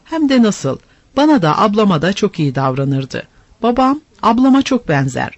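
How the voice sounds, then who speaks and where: A man voicing an eager, earnest boy who speaks of his lost father with heartfelt warmth in a storybook reading. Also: high-pitched, very animated, moderate pace, no room sound, lo-fi sound, full character voice. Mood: fond.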